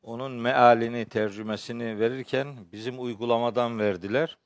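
Hoarse, strained male preacher. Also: medium pitch, steady tone, fairly quick, no echo. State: hoarse from shouting the day before, clearing his throat often. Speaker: Quran teacher and preacher. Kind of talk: spoken religious lecture with verse commentary.

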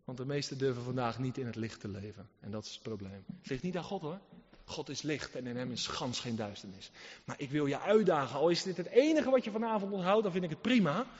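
A man preaching a sermon, emphatic and earnest, swinging between loud exhortation and quiet asides. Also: mid-range voice, lively intonation, quick pace. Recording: muffled sound in a reverberant hall.

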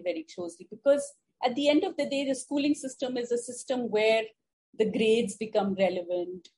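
A woman's voice: on the high side, dark tone, slight background noise, low-quality recording. A middle-aged woman with an educated, posh Indian English accent, speaking reflectively and emphatically in an interview, articulate and repeating words for stress. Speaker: interview guest, parent. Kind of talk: conversational interview answer, personal reflection.

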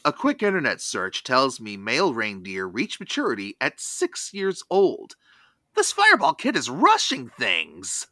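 Bright-voiced, animated man recapping a film. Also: medium pitch, unhurried, no room sound, studio quality. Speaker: review show host. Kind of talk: scripted recap narration with asides.

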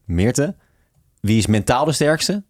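A man co-hosting a casual chat, asking short quickfire questions. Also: medium pitch, big pitch swings, no echo, studio quality. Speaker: co-host.

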